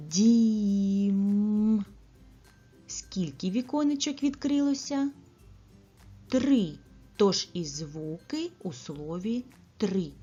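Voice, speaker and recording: A woman teacher giving a speech lesson to small children, saying each word slowly and carefully and pausing for their answers. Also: mid-range voice, mellow, breathy edge, muffled recording. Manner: slow, carefully articulated, pauses for children's answers. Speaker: preschool teacher.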